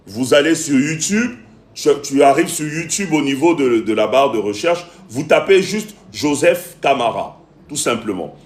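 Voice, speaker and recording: A man's voice: mid-range voice, lively intonation, a little slow. A man hosting a casual live stream on his phone, repeating himself and pleading with his viewers for support. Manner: repetitive, pleading with viewers, many fillers. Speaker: live-stream host and music producer.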